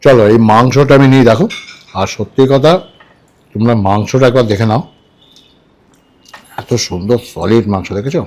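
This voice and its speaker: A man's voice: mid-range voice, normal speed, pauses often, darkish tone. A man chatting casually at a restaurant table as a food vlogger, repeating dish names and checking in with viewers. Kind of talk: casual food vlog chat.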